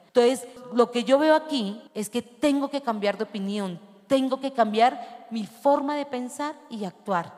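A woman's voice: fairly high pitch, big-room sound. A middle-aged woman pastor, preaching a sermon and asking the congregation questions. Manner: preaching with rhetorical questions to the congregation, slowing to read scripture.

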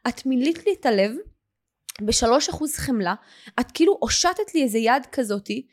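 A woman with a somewhat high voice hosts a podcast and tells a personal story. She is animated and speaks in quick bursts. She acts out quoted lines with feeling. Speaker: podcast host.

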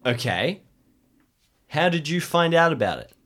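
A man's voice: on the high side, very animated, a little slow, fairly bright tone, pitched above the performer's own voice, exaggerated voice. A man playing a patient young nephew. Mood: probing. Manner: patient, steering the talk back on track. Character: earnest young adult male nephew investigator. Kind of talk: improvised tabletop role-play.

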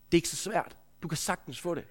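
Resolute devout old woman, as a man puts her on, firm, matter-of-fact, fairly high voice. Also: breathy edge. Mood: gentle.

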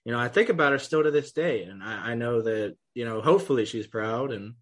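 A man hosting a casual sports podcast, talking in a relaxed, chatty way, swearing freely and laughing often. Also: medium pitch, a little fast. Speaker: podcast host.

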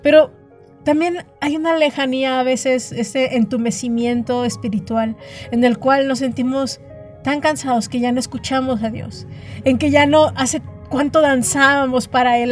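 A woman's voice: high-pitched, steady tone, normal speed, soft background music. A middle-aged woman preaching a devotional sermon, earnest and emphatic, often repeating words as she builds a point.

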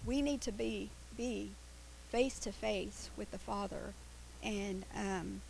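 A woman teacher delivers a Bible lesson in a voice full of vocal fry. Her s sounds whistle noticeably, and she works through each point haltingly, often repeating a word before moving on. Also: medium pitch, steady tone, darkish tone, a little hiss or hum, poor audio.

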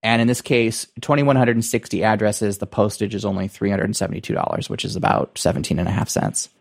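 A man co-hosting a casual business podcast, talking in a halting, circling way full of filler phrases. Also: fairly low pitch, lively intonation, creaky. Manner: halting, circling phrasing with repeated "you know" and "like". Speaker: podcast co-host.

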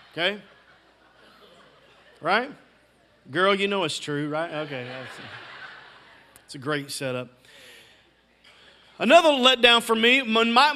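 A man's voice: high voice, pushed and bright. A middle-aged man preaching a sermon as pastor, emphatic and repeating key words. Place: church sanctuary.

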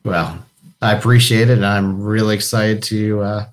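Deep-voiced man chatting as a podcast guest. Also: level tone, normal speed, noisy background. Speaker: podcast guest, company founder. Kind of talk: casual interview chat.

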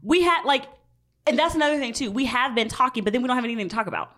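A woman in her thirties tells a dating story in loose, animated chat. Her pitch swings widely as she acts out what people said. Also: rapid-fire. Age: 30s. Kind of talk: casual chat.

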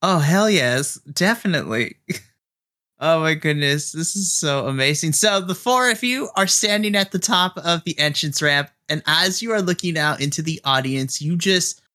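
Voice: medium pitch, expressive, moderate pace, pushed and bright. A game master narrating a wrestling tabletop game with enthusiasm and frequent laughs.

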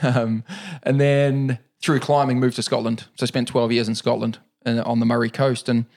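Casting: middle-aged New Zealand man, gravelly, even-toned, easygoing interviewee. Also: medium pitch, normal speed. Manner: relaxed, rambling with many fillers and restarts. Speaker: interviewee, para-cyclist. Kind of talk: casual conversational interview.

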